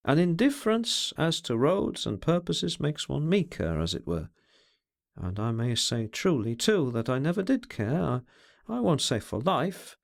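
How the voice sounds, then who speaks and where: A man reading aloud, voicing a brooding, bitter man who talks over his feelings in an introspective, measured way. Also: fairly high pitch, creaky, voice pushed up, full character voice. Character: brooding, scornful, self-searching man.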